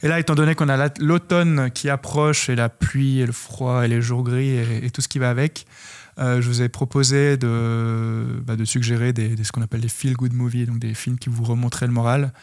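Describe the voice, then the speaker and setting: A man's voice: mid-range voice, level tone, a little fast, a little mellow, clear, resonant tone. A man hosting a casual film podcast in a mid-range voice. He is hesitant and jokey and throws in the odd swear word as he talks. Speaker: podcast host. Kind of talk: casual chat.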